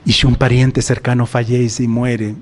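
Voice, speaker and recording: Priest teaching adults, husky voice, mid pitch, chatty and animated. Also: male voice, moderate pace. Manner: conversational, animated storytelling with acted-out quotes. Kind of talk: adult catechism class.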